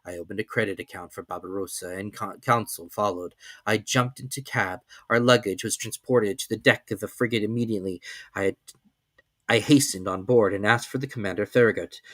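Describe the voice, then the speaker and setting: A man with a fairly low, fairly bright voice narrates an adventure novel, reading it in a theatrical, formal, dramatic style. The recording is dry.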